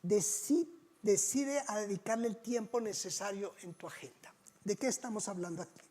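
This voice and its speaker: High-voiced pastor preaching. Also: male voice, normal speed, mellow. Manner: storytelling, conversational, with rhetorical questions. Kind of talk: sermon.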